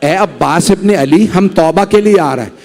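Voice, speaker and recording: A preacher voicing a dutiful young son. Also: male voice, sits high, normal speed, gravelly, darkish tone. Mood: calling out.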